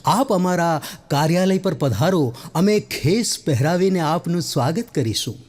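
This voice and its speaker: Male comedian does a courteous lady party worker, slow formal welcome, raised voice. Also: fairly high pitch, animated, darkish tone, voice pushed up. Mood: welcoming. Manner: polite, formal, slow and drawn out.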